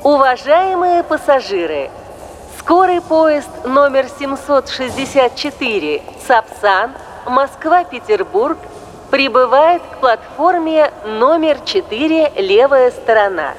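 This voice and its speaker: A woman reading formal train station announcements in a measured, even, official manner. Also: high-pitched, slight background noise. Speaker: station announcer in a listening exercise.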